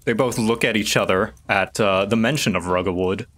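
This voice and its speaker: A man narrating as game master in a tabletop game, casual and halting. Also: lowish voice, fairly bright tone.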